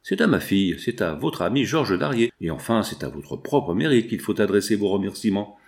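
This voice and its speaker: Un homme lisant à voix haute et prêtant sa voix à un millionnaire âgé, père inquiet qui cache un crime. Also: male voice, fairly low pitch, big pitch swings, fairly quick, vocal fry, a little mellow. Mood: posé. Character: homme riche âgé, père coupable et rongé de peur.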